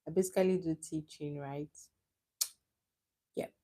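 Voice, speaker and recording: A young Nigerian woman hosts a live stream in a low, dark voice with fairly even intonation and an unhurried pace. She's casual and chatty, teases, laughs often, and responds to chat comments.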